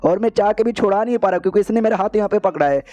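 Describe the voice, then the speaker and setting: A man's voice: high voice, rapid-fire, warm tone, dry recording, close to an everyday voice. A man voicing a panicky young male hero in an anime recap, whining that he wants a system. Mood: exasperated. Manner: whiny, panicky.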